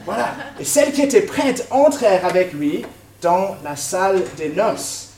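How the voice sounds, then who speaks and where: A man, acting out a Bible story with volunteers and props, lively and lightly humorous. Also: high-pitched, a little slow. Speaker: preacher.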